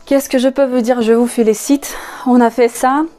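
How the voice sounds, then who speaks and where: A woman with a Russian accent, a native Russian speaker, teaching an online language lesson in a slow, patient way, spelling out letters and repeating each word. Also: on the high side, fairly even intonation, mellow, soft background music.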